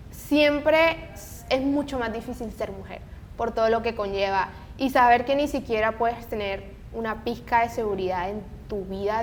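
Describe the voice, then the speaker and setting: This is a woman hosting a casual talk podcast, earnest and opinionated in delivery. The recording is noisy, with rumbling background noise behind her.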